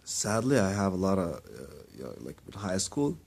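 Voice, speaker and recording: A young man from Kuwait in a rambling personal monologue, halting and restarting, often repeating his words. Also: sits low, huge pitch swings, creaky, a little mellow, husky. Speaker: vlogger.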